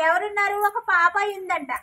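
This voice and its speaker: A woman's voice: very high voice, steady tone, a little fast, heavy background noise. A woman preschool teacher talking to small children in a classroom. She keeps asking questions, repeats the answers back, and gives simple, firm commands.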